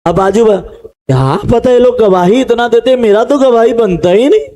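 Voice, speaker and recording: Male preacher with a very high voice, fervent and animated, addressing his congregation in a sermon. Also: moderate pace. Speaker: pastor.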